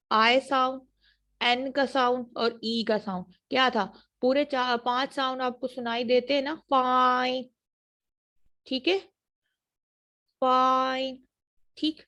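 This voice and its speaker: Lecturer: a woman with a Pakistani accent teaching phonetics online. Her voice sits a little high, and she checks in with the class often. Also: a bit bright. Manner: checks in often with short questions to students; models sounds slowly and deliberately. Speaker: university lecturer. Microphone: computer mic for an online class.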